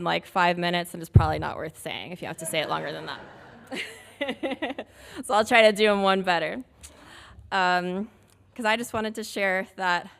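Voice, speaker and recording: A woman's voice: medium pitch, creaky, clear, resonant tone. A woman preacher telling a story to a congregation of all ages, inviting them to join in. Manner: animated, calls for audience participation. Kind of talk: interactive children's sermon storytelling. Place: church sanctuary.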